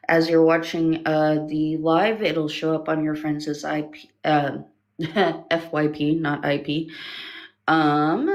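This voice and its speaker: A woman filling in on a live stream, chatting casually and urging viewers to share, with lots of fillers. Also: low-pitched. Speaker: live stream co-host or moderator.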